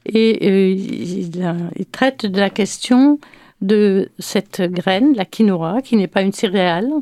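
A woman from an association appears as a guest in a radio interview, speaking in a mellow, medium-pitched voice. She hesitates often, pausing and using fillers as she explains things. The recording is dry, with clean studio sound.

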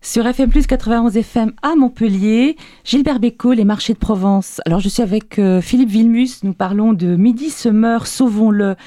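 A woman hosting a radio interview, asking steady questions and murmuring agreement. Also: on the high side, moderate pace, hardly any pauses, no echo. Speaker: radio host. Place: radio studio.

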